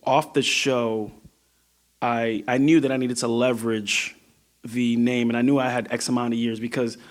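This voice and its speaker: A male singer from New York talking as a podcast guest. He speaks thoughtfully in a relaxed, conversational way, often breaking off mid-sentence and starting his thought over. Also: medium pitch, normal speed. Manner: reflective, restarts often. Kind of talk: casual interview talk.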